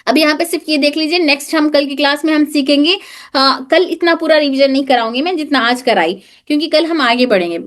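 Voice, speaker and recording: Woman, high voice, recitation teacher leading an online class, slow demonstrations with repeated sounds. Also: fairly bright tone. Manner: explains slowly, demonstrates sounds by repetition; mixes English terms into explanation.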